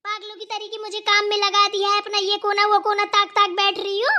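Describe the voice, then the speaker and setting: A woman voicing a sharp-tongued, sarcastic young daughter-in-law in a cartoon. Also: extremely high pitch, completely flat delivery, brisk, full character voice. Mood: taunting. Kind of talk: cartoon voice acting.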